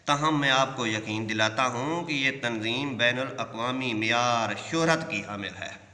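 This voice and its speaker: A man teaching English by translating a story line by line. He reads each English line slowly, then explains it at length. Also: mid-range voice, sharp tone. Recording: echoey room with long reverb.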